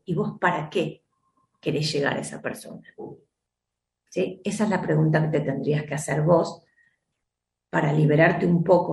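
An Argentine woman hosts a self-help advice show, speaking in a reflective, teacherly manner and often pausing to check in with her audience. Her voice sits somewhat low for a woman. The recording has a roomy, echoey sound. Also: vocal fry, a little mellow. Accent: Argentine Spanish. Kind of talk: advice program talk to listeners.

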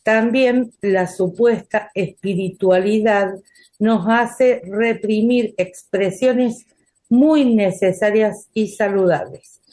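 Woman slowly reading out comments. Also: mid-range voice, darkish tone. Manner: reads names and comments aloud plainly. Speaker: co-host reading viewer comments.

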